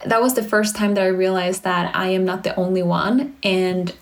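A woman raised in Sweden talks easily about her work as a founder. Her speech is conversational and loose, full of "like" fillers, and sits at a middle pitch. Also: fairly even intonation, moderate pace. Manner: chatty, frequent "like" fillers. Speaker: brand founder. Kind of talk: casual interview conversation.

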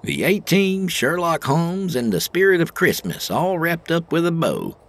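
A man's voice: a little high, a little slow. A man narrating an audio drama in the first person, wry and colloquial. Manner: wry, colloquial storytelling with animated swings.

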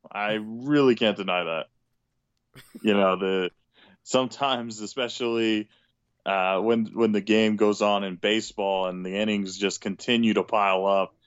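An American man co-hosting a sports podcast, chatting casually and haltingly, often repeating words. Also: on the low side, clean tone, dry recording, lo-fi sound.

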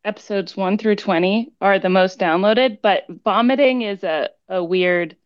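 A woman co-hosting a podcast, talking in a steady, matter-of-fact way and reading out figures. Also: medium pitch, measured pace, smooth, dry recording, dull audio. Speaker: podcast co-host and producer. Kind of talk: casual podcast chat.

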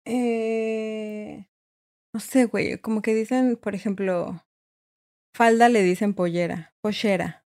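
A woman's voice: on the high side, fairly even intonation, slow pace, long pauses, warm tone, clear, resonant tone. A Mexican woman in her thirties, co-hosting a podcast in casual, slangy chat and laughing often. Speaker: podcast co-host.

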